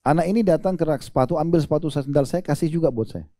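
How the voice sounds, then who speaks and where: A man's voice: fairly high pitch, quick pace, warm tone, dry recording, studio quality. A man preaching a sermon, telling stories in a conversational way and lifting his voice for emphasis. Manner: conversational storytelling with rising emphasis.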